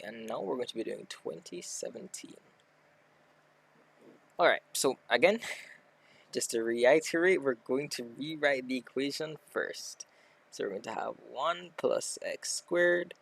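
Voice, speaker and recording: Gravelly male maths tutor, self-correcting. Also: mid-range voice. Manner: talks through steps aloud, self-correcting. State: hiccuping. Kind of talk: casual worked-example lesson.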